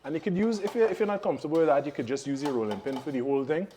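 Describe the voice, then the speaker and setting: Male co-host, Trinidadian accent, soft-edged mellow voice, casual and instructive cooking talk, light background clatter. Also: a little high, rapid-fire. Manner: easygoing, instructive. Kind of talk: casual cooking demonstration chat. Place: home kitchen, indoors. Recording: background noise with kitchen clatter.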